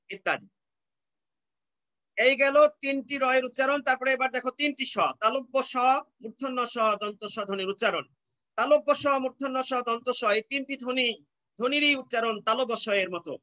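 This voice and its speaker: A male teacher from Bangladesh gives an online lecture in a strikingly high, bright voice. He explains patiently, stretches each example word out slowly and keeps asking his students questions he then answers himself. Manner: explains patiently, repeats and draws out example words, asks rhetorical questions.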